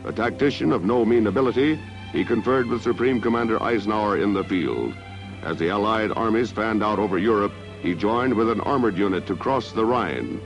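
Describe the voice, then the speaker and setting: A man's voice: on the low side, a little fast. Man narrating an old newsreel. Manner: declamatory, stately delivery. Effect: old newsreel film soundtrack. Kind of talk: dramatic 1960s newsreel narration. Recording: dull lo-fi 1960s newsreel audio with music.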